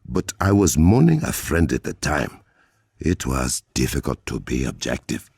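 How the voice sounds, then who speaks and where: A dignified Wakandan warrior king from a video game speaks in a remarkably deep, husky, slightly mellow voice with an African accent, composed and earnest with a dry wit. His exaggerated delivery swings widely in pitch while his phrasing stays formal and measured, with no room sound.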